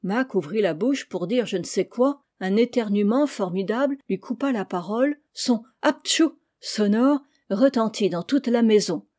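A woman reading a children's novel aloud, narrating gently and giving the characters their lines. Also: medium pitch, animated, normal speed, hardly any pauses. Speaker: audiobook reader. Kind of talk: storybook narration.

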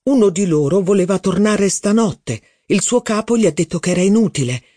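Servile footman, deferential, eager to report, slightly raised voice, husky, dry recording, read by a man. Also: high voice, expressive, brisk, mellow, no room sound, voice pushed up. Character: anxious male footman, servile.

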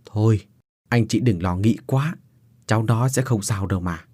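A man voicing an older father who speaks gently and with concern. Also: fairly low pitch, moderate pace, breathy edge, dry recording, studio quality. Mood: soothing concerned. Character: calm older father, versed in the spirit world.

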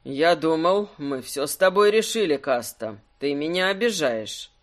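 Brief: man playing a laid-back, wry rogue for an audiobook, low and slow. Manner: calm, wry, low and unhurried. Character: easygoing, wry male rogue adventurer.

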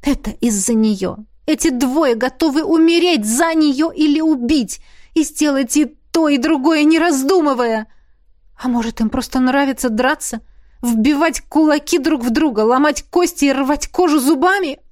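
A woman's voice: high voice, moderate pace, a little mellow, no echo, studio quality, voice pushed up, natural voice. A woman voicing a blunt, fierce young woman watching a fight with relish. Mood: intense. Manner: intense, blunt and unceremonious.

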